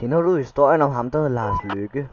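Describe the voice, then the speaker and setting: A man hosting a casual gaming session with a friend, swearing often and shouting directions at him. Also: mid-range voice, expressive, music in the background. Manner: swears a lot, barks directions at his friend. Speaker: gaming channel host. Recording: distant, dull mic with clear noise.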